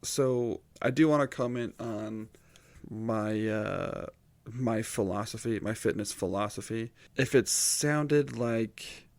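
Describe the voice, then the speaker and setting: Slow gravelly podcast man. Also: fairly low pitch, dry recording. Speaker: podcast co-host. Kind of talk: casual chat.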